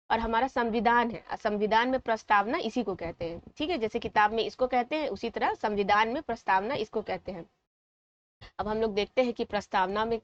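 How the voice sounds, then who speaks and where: A woman's voice: a little high, no room sound, muffled recording. A woman teacher with a Bihari Hindi accent explaining a school lesson, repeating points and checking in with her students. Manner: repetitive, coaxing, checks with "ठीक है".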